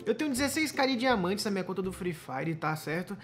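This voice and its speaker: A young adult gaming YouTuber with a Bahian Brazilian accent chats informally with viewers, his high voice swinging widely in pitch, fairly quick and bright. Using slang and treating his audience like buddies, he talks from a small home gaming room with background music.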